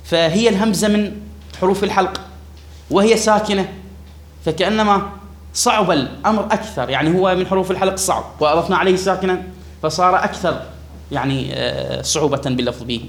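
Fast-talking grammar teacher. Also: male voice, high-pitched. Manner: emphatic, quizzes students, repeats key words. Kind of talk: classroom lesson explaining a text.

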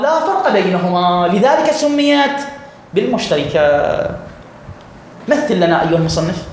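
A grammar teacher lectures in a fairly high voice. He goes over each point twice and keeps putting questions to his students. The room around him rings with heavy echo. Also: slight background noise. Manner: repeats points and quizzes students. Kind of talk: classroom lecture. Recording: very echoey room.

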